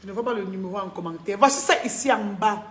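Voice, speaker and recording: A woman's voice: medium pitch, fast, echoey room, a little hiss or hum. A woman, chatting casually on a live stream, reading comments and answering viewers, laughing often.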